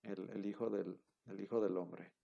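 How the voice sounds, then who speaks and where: A man's voice: fairly low pitch, fairly even intonation, moderate pace, vocal fry, mellow, highs cut off. A man teaching a class, explaining patiently and repeating himself with many fillers. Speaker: Biblical Hebrew teacher. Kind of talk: classroom lecture.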